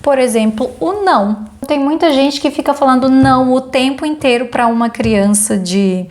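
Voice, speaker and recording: A woman with a fairly high voice gives a parenting course lesson. She speaks earnestly, turning often to the listener with rhetorical questions. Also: normal speed, darkish tone. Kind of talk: course module lecture.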